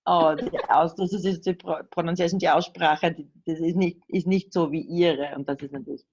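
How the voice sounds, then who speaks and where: A woman interpreting into German in a halting, restarting way, often laughing. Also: lowish voice, steady tone, a little mellow, muffled recording, slight background noise. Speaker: interpreter and co-host. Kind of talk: live interpreting, casual.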